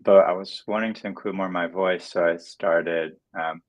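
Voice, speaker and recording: Very deep voiced guy, musician guest on a video call, soft-spoken, lots of ums. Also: steady tone, normal speed, low-quality recording. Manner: soft-spoken, hesitant with many fillers. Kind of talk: livestream interview.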